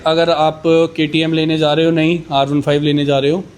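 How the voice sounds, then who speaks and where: A man pitching used superbikes in a casual, boastful way, rattling off price countdowns. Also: little pitch movement, moderate pace, darkish tone.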